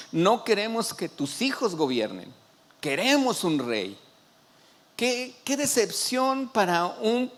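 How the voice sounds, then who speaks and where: Mexican Spanish-accented male pastor, slow and animated sermon, somewhat high voice. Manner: animated, acts out biblical quotes with excited shouts; colloquial, frequent restarts.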